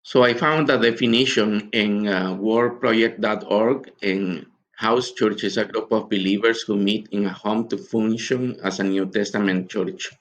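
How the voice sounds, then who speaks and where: A man from Guatemala, a missionary giving a recorded conference teaching talk in an earnest, halting way with many pauses. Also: lowish voice, fairly even intonation, a bit bright.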